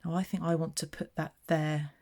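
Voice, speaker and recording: Talking through her papercraft tutorial step by step, a southeast English demonstrator keeps up friendly, casual how-to chat about what her hands are doing. She speaks in a low, mellow, unhurried voice with little pitch movement.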